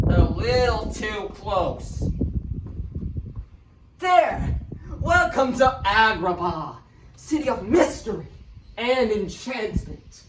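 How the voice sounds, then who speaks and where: A woman playing an eager, wheedling male merchant and storyteller in an amateur theatrical monologue. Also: mid-range voice. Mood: welcoming showman. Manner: theatrical, salesman-like, dramatic pauses and exclamations. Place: outdoors. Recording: roomy, distant mic, noisy outdoor ambience.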